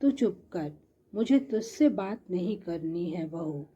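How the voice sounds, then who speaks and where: A stubborn older mother-in-law from a storybook, scolding and insisting, as a woman narrator puts her on. Her voice is dark and husky, and she speaks slowly on a dull lo-fi recording. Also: fairly low pitch, animated, exaggerated voice. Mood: angry, stubborn.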